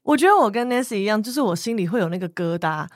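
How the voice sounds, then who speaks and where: A woman's voice: medium pitch, lively intonation, rapid-fire, no room sound, clean studio sound. A woman in her twenties co-hosting a casual chat, explaining her view plainly and thoughtfully. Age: 20s. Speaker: podcast co-host.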